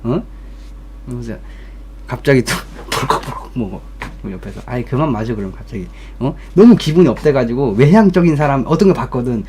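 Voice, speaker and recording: A man's voice: medium pitch, lively intonation, fairly quick. Man, young adult, streamer, casual storytelling, blunt, swears, faint hiss. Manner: blunt, swears, acts out quoted coworkers in raised voices. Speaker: streamer giving life advice.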